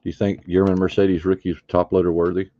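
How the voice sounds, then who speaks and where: A man's voice: low-pitched, little pitch movement, fast, no room sound, lo-fi sound. A man hosting a live card break, chatting casually and thinking aloud as he opens packs. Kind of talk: casual live stream chat.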